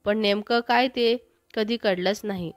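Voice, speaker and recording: A joyful young man in love speaks eagerly, his words spilling out in a soft gush, as a woman storyteller reads him. The sound is dry and close, with faint music underneath. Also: mid-range voice, unhurried, dry recording, close to an everyday voice. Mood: tender.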